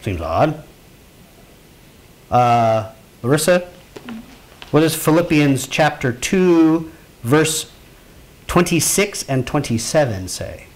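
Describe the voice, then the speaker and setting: A man's voice: a little high, very animated, takes it slowly, pauses often. A man teaching a Bible class in a conversational way, asking his students questions and calling on them to read. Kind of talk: informal Bible lesson to a class.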